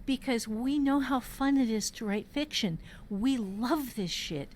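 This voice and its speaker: A slightly high, darkish-toned woman's voice comes through unhurried, with slight background noise. Leading a podcast workshop, the host speaks candidly and informally, sharing emphatic personal stories and cursing without restraint.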